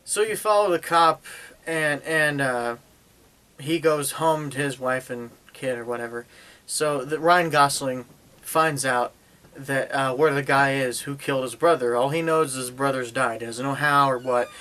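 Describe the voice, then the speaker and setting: A man with a mid-range voice talks at a measured pace, his tone pushed and bright. He's a film reviewer giving a casual spoken review, rambling through the plot with plenty of fillers and sarcastic asides.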